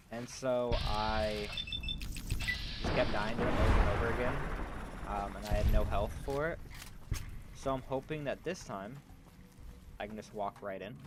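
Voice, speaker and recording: Male streamer on headset audio, mid-pitched, thinks aloud while gaming, noisy background. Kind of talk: casual gaming livestream commentary. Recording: clear background noise.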